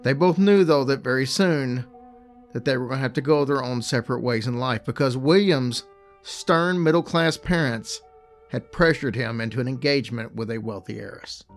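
A man's voice: medium pitch, moderate pace, faint music behind. A man co-hosting a podcast, casually telling a ghost story with chatty, joking asides. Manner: chatty, laid-back, jokey asides.

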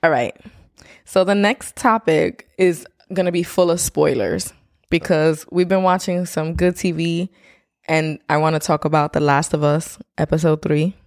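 A woman co-hosting a podcast, chatting in an animated, opinionated way. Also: deep voice, measured pace, no room sound, clean studio sound. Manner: animated, opinionated, laughs often. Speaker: podcast co-host. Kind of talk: casual chat.

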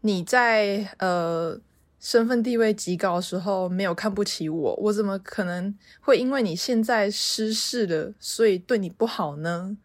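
A devoted young scholar speaks gently and sincerely, voiced by a woman with a Taiwanese Mandarin accent who barely changes her voice. He sounds earnest and tender rather than grand. The sound is dry and close. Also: medium pitch, measured pace, dry recording, close to an everyday voice.

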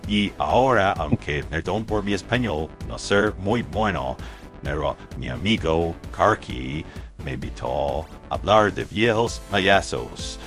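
Un hombre haciendo de ejecutivo gringo cansado, voz grave. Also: male voice, low voice, animated, fairly bright tone, full character voice. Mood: weary, deadpan. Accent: American gringo accent in Spanish. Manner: halting, formal foreigner's Spanish. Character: weary American games executive pleading in broken Spanish. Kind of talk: scripted celebrity greeting. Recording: music behind the voice. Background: music.

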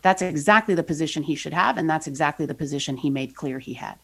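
A woman speaking as an expert guest, giving explanatory interview answers in an emphatic, measured way. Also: deep voice, a bit bright, breathy edge. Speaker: law professor, expert guest.

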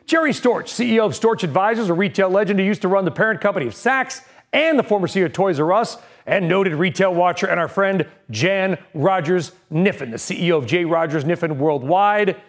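A man hosting an evening business news show, brisk and punchy with a conversational touch. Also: high-pitched, animated. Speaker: TV news host.

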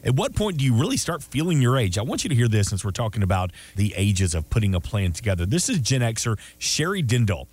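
A man's voice: mid-range voice, big pitch swings, quick pace, few pauses, darkish tone, husky, no room sound. A man hosting a radio show, reading plugs and asking questions in an upbeat, salesy way. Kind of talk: radio host patter and ad reads.

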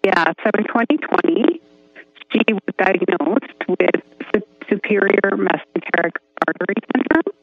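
A woman calling in to a radio show, speaking hesitantly with pauses and restarts over a choppy phone line that keeps cutting out. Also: mid-range voice, no echo, soft background music. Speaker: caller. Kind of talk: call-in radio chat. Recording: tinny dry phone line.

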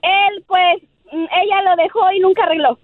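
Una mujer que llama a un programa de radio y cuenta su historia pausadamente con muletillas. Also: female voice, very high voice, fairly even intonation. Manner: halting, with fillers. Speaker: radio caller. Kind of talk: casual call-in storytelling. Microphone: phone. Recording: tinny phone line.

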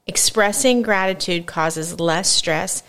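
A woman co-hosting a podcast, with a somewhat low voice. She talks in an earnest, upbeat, faith-based way and reads her script smoothly. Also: slow, a bit bright. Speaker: podcast co-host.

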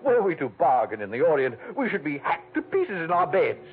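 An actor playing a pompous gentleman dealer who speaks in flowery, mannered phrases, on an old radio drama. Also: on the high side, wildly swooping pitch, a little fast, slight background noise. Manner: florid, mannered, throat-clearing. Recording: tinny old radio broadcast.

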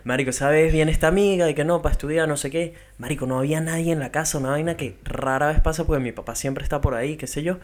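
A man's voice: fairly high pitch, fast, few pauses. Young Venezuelan man telling stories. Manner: animated storytelling, laughs often. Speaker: podcast co-host. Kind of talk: casual chat.

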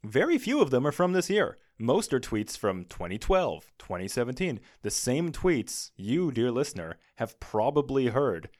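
A man's voice: medium pitch, sing-song, moderate pace, hardly any pauses, a little mellow, no echo. A man co-hosting a podcast, chatting casually with a dry, wry manner and reading old archive clips aloud. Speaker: podcast co-host.

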